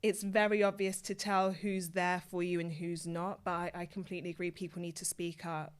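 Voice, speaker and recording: A woman's voice: fairly low pitch, little pitch movement, brisk, smooth. A woman co-hosting a podcast, talking in a casual, conversational way. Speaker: podcast co-host. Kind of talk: casual chat.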